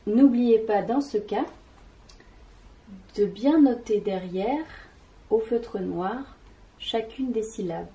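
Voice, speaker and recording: A woman teacher giving an early reading lesson to young children, sounding out syllables one by one in a slow and deliberate way. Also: a little high, dark tone. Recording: echoey room.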